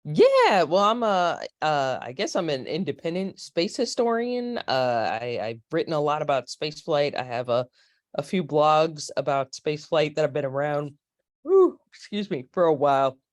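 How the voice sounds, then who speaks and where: A woman's voice: sits low, very animated, normal speed, dry recording, clean studio sound. A woman in her forties from Florida, a space historian telling rambling, chatty stories as an interview guest. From Florida, USA. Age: 40s. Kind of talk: casual interview.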